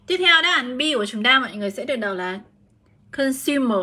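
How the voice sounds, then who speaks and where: Woman, English teacher, live online lesson, bright clear tone, fairly high voice, chatty, calls on students by name. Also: big pitch swings, racing. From Vietnam. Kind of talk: live-streamed exam prep lesson.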